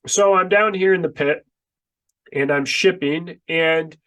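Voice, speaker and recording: A channel host and small business owner talks casually to camera in his basement workroom, close to a microphone placed in front of his face. His nose is congested and his breath short, so he speaks in a halting, emphatic manner. The pitch is fairly high and the tone fairly bright, and the audio is poor.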